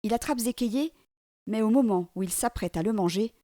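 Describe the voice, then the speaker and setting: A woman storyteller reading a children's book aloud in a clear, steady narration. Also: on the high side, fairly quick, no echo, clean studio sound.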